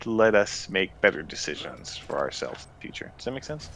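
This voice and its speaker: A man with a low, bright voice chats casually on a gaming podcast. He rambles in a relaxed way and laughs often. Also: fairly quick, vocal fry. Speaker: podcast co-host.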